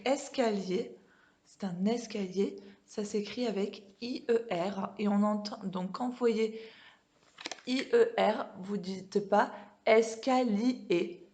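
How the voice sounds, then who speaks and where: A woman teaching a home-school reading lesson to young children, stretching out sounds slowly and checking in with them often. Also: mid-range voice, darkish tone. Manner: slow, careful, drawn-out pronunciation of sounds; checks in with frequent questions to children. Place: classroom with a board.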